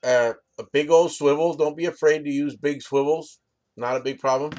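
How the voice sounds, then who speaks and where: A man's voice: fairly high pitch, steady tone, normal speed, darkish tone. A man from the United States casually showing fishing rigs, rambling with fillers and restarts and often asking the viewer "right?". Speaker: fishing channel host. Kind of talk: casual gear demonstration.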